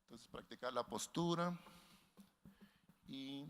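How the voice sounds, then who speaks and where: A man's voice: mid-range voice, noisy background. Man lecturing in a reverberant hall. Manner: measured, repeats phrases and restarts, links ideas with "entonces". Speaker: workshop instructor. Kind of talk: lecture to researchers. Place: conference hall.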